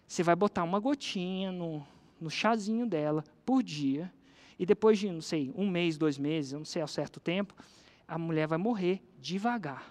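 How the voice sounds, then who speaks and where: A storyteller with a Brazilian accent voicing a sly, scheming doctor who explains his plan calmly. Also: medium pitch, moderate pace, voice pushed down, natural voice. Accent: Brazilian Portuguese.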